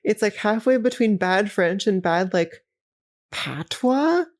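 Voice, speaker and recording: A woman co-hosting a podcast in a casual chat, wry and quick to laugh. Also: mid-range voice, animated. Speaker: podcast co-host.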